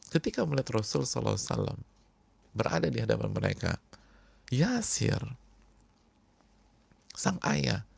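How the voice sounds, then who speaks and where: A man preaching a sermon to a congregation, speaking emphatically and repeating key words, often dropping to hushed tones. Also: mid-range voice, creaky, breathy edge, no room sound. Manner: addresses the congregation directly. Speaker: Islamic preacher.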